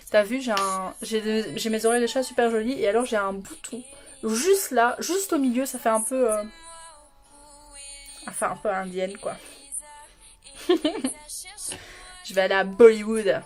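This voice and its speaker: A young woman doing a live makeup stream from home, chatting with viewers and giggling often. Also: fairly high pitch. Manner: giggly, bubbly, talks to chat by name. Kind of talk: chatty livestream talk to viewers.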